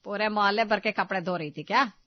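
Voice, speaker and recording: A woman voicing a stubborn older mother-in-law who taunts and scolds loudly in a cartoon story. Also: mid-range voice, fast talker, muffled recording, lightly acted. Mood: scolding. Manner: loud, sharp, taunting.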